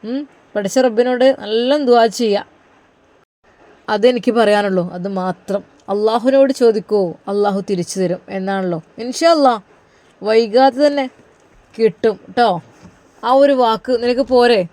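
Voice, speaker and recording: A narrator voicing a kindly older religious elder, soothing and reassuring. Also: male voice, moderate pace, pauses often, a little mellow. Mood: consoling. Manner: soothing, reassuring, a touch higher. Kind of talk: storybook narration.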